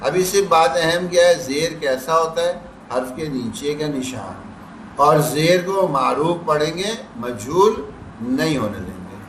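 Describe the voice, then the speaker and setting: A man's voice: on the high side, animated, slight background noise. Man teaching tajweed in an echoey room. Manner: drawn-out syllable drills between quick explanations. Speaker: Quran recitation teacher. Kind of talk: tajweed class lesson. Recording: echoey room, distant mic.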